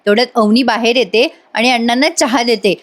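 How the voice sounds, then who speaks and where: A woman with a somewhat high voice narrates an episode recap. She speaks chattily and keeps turning to her viewers. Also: fairly even intonation, brisk. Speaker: serial reviewer.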